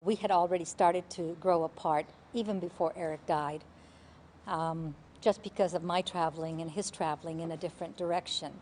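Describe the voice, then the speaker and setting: Woman, low voice, thoughtful, faint ambience. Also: steady tone, normal speed, a little mellow, a little hiss or hum. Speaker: bereaved mother. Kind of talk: documentary interview.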